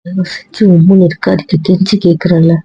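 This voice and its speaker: A woman's voice: lowish voice, level tone, fairly quick, dark tone, husky, no room sound, lo-fi sound, soft background music. A woman playing a hurt young wife who answers curtly, then pleads with her husband. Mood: pleading. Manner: curt, pleading.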